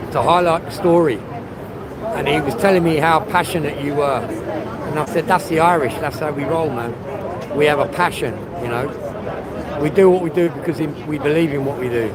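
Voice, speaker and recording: A man streaming live outdoors, chatting casually with viewers, swearing often and greeting them by name. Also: on the high side. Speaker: livestreamer. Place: outdoors on a busy city street. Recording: loud crowd noise from the street.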